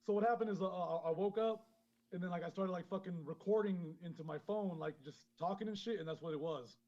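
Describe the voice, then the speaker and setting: Fast-talking stoned man on a lo-fi call. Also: high voice, darkish tone. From born in Honduras, grew up in Queens, New York. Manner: rambling, heavy swearing, frequent laughs. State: high. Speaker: guest caller, clothing brand founder. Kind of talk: casual podcast chat. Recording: dull lo-fi phone call.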